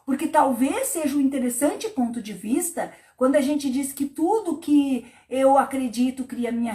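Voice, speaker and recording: A woman therapist, hosting a relaxed spiritual talk on a live stream. Her voice sits high, and she talks with lively swings, dropping to a low murmur when she plays out her own inner thoughts. The sound has a noticeable echo from the room.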